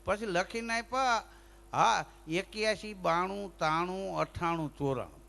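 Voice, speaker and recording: A man telling comic folk stories, animated and mimicking characters with stammers and snatches of song. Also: high voice, unhurried, vocal fry, big-room sound. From Gujarat, India. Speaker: folk storyteller and humorist.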